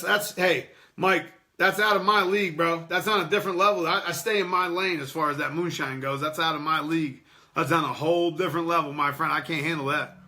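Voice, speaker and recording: A man's voice: fairly high pitch, pushed and bright. A man hosting an unscripted podcast, rambling loosely and swearing as he chats with viewers and laughs often. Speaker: podcast host. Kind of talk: unscripted casual chat with live chat readers.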